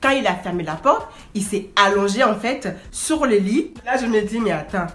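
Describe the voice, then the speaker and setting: A young adult woman telling a story of her travels to camera in an animated, casual way, acting out the dialogue, her voice carrying loudly when she raises it. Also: medium pitch, moderate pace. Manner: animated, acts out dialogue and bursts into shouting. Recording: roomy echo.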